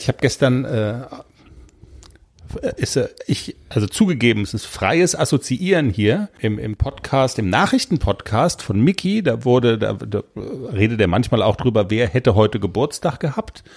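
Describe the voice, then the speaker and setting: A man's voice: medium pitch, animated, moderate pace, darkish tone. A man co-hosting a podcast, chatting casually and rambling through free associations. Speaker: podcast co-host. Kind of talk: casual chat.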